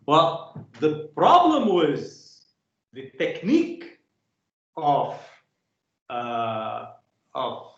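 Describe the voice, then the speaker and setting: Halting male lecturer in an echoey room. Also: medium pitch, dull audio. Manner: halting, many filler sounds, rhetorical "huh?" checks. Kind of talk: academic lecture.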